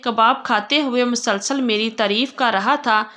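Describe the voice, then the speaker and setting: A woman narrates a personal story in the first person. Her voice is on the high side, and she keeps a steady, plain storytelling delivery.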